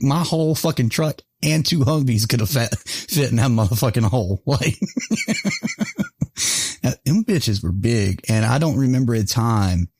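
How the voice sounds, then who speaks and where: A man with a low voice hosts a casual podcast, swearing freely and laughing as he tells service stories. The sound is dry and close, with no room in it. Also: a little mellow, no echo. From rural area. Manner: profane, laughing, storytelling. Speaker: podcast host.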